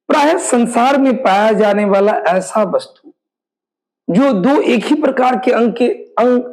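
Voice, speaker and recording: Male teacher, very high voice, slow delivery, repetitive drilling, rhetorical questions. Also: vocal fry, darkish tone, poor audio. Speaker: English teacher. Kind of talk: exam-prep classroom lesson.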